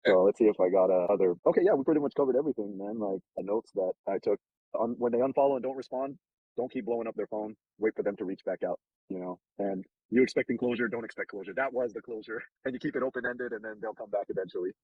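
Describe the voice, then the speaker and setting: Blunt, fast-talking profane man. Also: lowish voice, husky, no room sound, phone-quality sound. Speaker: host giving dating advice. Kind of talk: casual advice chat. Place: in a car.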